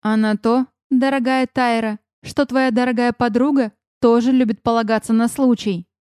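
A woman voicing a suspicious, sharp-tongued young fairy woman who speaks with mockery. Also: on the high side, steady tone, moderate pace, clear, resonant tone, dry recording, studio quality, close to an everyday voice. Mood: scornful. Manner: mocking, scornful.

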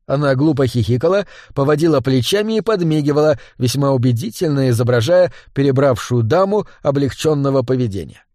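A man narrating a gritty story in a steady, even reading voice. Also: medium pitch, a little fast, few pauses, no echo, studio quality. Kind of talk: audiobook narration.

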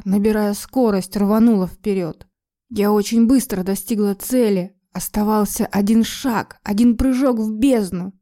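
A woman narrating a dark first-person story as an emotional, tense audiobook reading. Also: mid-range voice.

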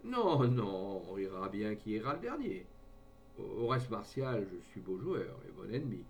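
A man's voice: fairly low pitch, sing-song, normal speed, slight background noise. A man reading aloud voices a gallant, blunt cavalry colonel, unsure with ladies and bluff with friends. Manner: hesitant with women, bluff with friends.

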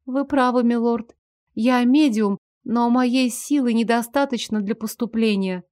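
Shy eager young waitress, soft and deferential, read by a woman; close dry sound. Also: fairly high pitch, unhurried, no echo, close to an everyday voice. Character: timid, eager young serving girl. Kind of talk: audiobook character voice.

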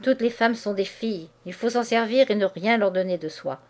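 A woman's voice: mid-range voice, normal speed, darkish tone, lightly acted. A woman reading as a jealous, pushy young husband. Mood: bitter, resolute. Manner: pressing, nagging questions.

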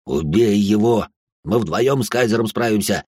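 A man's voice: on the low side, moderate pace, darkish tone, breathy edge, no echo, clean studio sound. A man voicing a big, brutal male killer who hisses urgent, coarse orders. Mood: hissing urgent.

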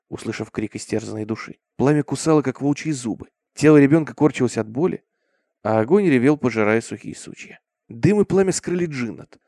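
A man's voice: mid-range voice, no room sound, clean studio sound. A man narrating a horror story in a grave, dramatic reading voice. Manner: grave, darkening to a hush in grim passages.

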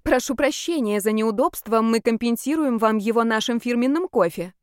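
A flustered female restaurant administrator rushes through polite pleas in a storybook, played by a woman reader. Her voice sits clearly higher than the reader's own, smooth and clear. The sound is dry and close. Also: animated, no echo, natural voice. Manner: hurried, anxious politeness.

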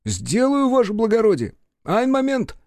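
Man doing young male clerk, shrill, whiny, eager, high-pitched, dry audiobook sound. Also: huge pitch swings, normal speed, darkish tone, dry recording, heavily acted.

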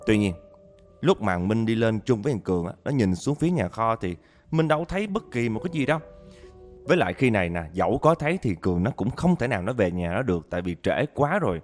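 Guy telling a spooky story to his listeners, kinda low voice, soft music in the back. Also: big pitch swings, fast. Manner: dramatic storytelling, addresses listeners directly. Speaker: horror story narrator. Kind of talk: retelling a listener's ghost story.

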